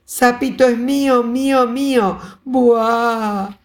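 A storyteller voicing a shrill, whiny toddler girl who shrieks and grabs. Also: big pitch swings, slow pace. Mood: wailing. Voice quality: shrill, wailing.

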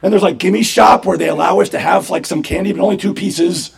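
An older man, a priest, giving an animated sermon to campers with a hoarse, worn voice. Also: sits high, brisk. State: hoarse, voice nearly gone. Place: camp gathering.

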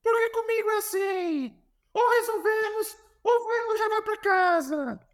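A hot-tempered older football coach yells in a strained, high-pitched shout, as a man imitates him. The voice jumps far above the speaker's normal pitch and sounds as if it carries across a training pitch. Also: measured pace. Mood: stern.

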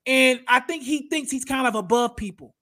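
A man's voice: very high-pitched, normal speed, bright, forceful tone. A man hosting a casual sports talk show, blunt and opinionated, who often says "bro" and "y'all". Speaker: podcast host.

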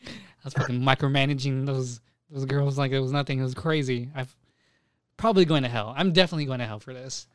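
A man in easy, laid-back podcast chat who swears freely and reads names from a list. His voice sits at an ordinary middle pitch. The sound is dry and close, with no room around it. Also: steady tone, fast, smooth, no echo. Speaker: podcast co-host. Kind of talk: casual chat.

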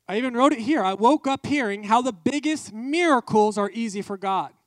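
High-voiced fervent male preacher. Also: no room sound, clean studio sound. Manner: fervent, emphatic preaching with repeated phrases. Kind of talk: testimony sermon.

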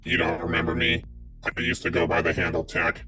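A man playing a grim former gangster runner in a tabletop role-play, speaking in a clipped, deadpan way. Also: deep voice, brisk, over music, lightly acted. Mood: terse. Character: grim male ex-mobster rigger with robotic voice.

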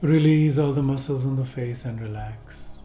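This meditation guide, a man, takes listeners through a seated relaxation session at an unhurried, gentle pace with long gaps between instructions. His voice is mellow and dark at mid pitch, and the room echoes with soft music faint beneath him.

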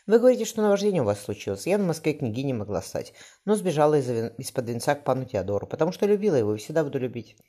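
A man's voice: medium pitch, sing-song, rapid-fire, hardly any pauses, warm tone, voice pushed up. A man reading the lines of an anguished young woman, weary and pleading. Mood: resolute. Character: anguished young woman, guilt-ridden and tearful.

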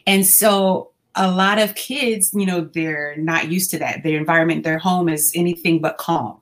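Calm, laughing woman guest. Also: fairly low pitch. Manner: calm, measured, laughs often while talking. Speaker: school staff working with students. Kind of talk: casual interview conversation.

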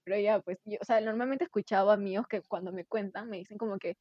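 A woman in casual chat, making quick asides and reactions. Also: medium pitch, fairly even intonation, no echo. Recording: dry dull lo-fi sound.

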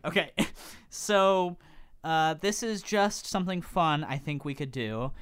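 Young male co-host, easygoing chat, smooth clear tone, mid pitch. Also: dry recording. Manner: easygoing, gets excited and rushes when hyped. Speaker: podcast co-host. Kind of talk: casual book-club chat.

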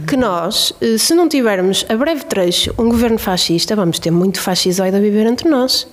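A woman with a European Portuguese accent talks in a casual podcast conversation. She is reflective and emphatic, and she pauses and restarts as she works through her thoughts. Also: medium pitch, expressive.

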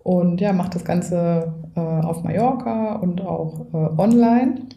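A woman's voice: fairly low pitch, steady tone, takes it slowly, gravelly, dark tone, echoey room. A woman coach, a guest in a podcast interview, who explains at length and often adds a tag question. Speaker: coach and trainer.

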